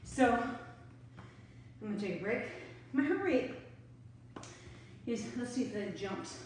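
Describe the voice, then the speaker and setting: A fitness instructor in middle age gives relaxed exercise instructions while working out in a home room beside the stairs, chatting and gasping between bursts. She has a medium-pitched voice and a measured pace. Faint hiss or hum runs under the echoey sound from a camera placed far off.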